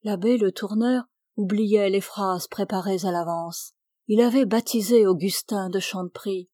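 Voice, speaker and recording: A woman narrating a literary novel as an audiobook reader, measured and expressive. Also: medium pitch, dry recording, clean studio sound.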